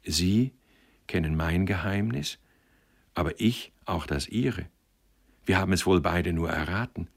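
A male reader voicing an emotional, tearful young woman with a breathy, lifted voice. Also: sits low, unhurried, long pauses, full character voice. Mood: moved. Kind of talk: audiobook character reading.

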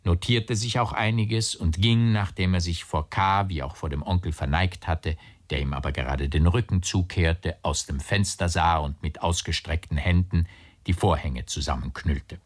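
A man narrating a literary audiobook in a measured, storytelling manner. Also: deep voice.

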